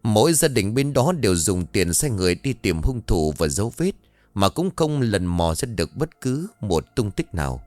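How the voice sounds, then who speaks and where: Low-voiced man narrating a ghost story. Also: sing-song, moderate pace, darkish tone, no room sound. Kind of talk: scripted horror story narration. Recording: dry studio voice-over with faint music.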